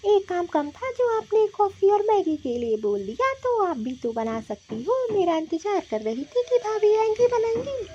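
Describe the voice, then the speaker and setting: A woman's voice: very high voice, mellow, muffled recording. A woman voicing a sulky, short-tempered young daughter-in-law in a cartoon, talking in an irritable, complaining way. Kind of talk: cartoon voice acting.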